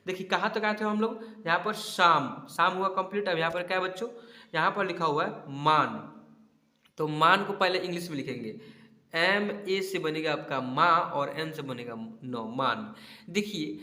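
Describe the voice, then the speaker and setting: Man, teacher, slow syllable-by-syllable spelling, bright voice, echoey room. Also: fairly high pitch. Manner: slow syllable-by-syllable spelling, frequent "ठीक है?" checks. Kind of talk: spelling lesson over a screen.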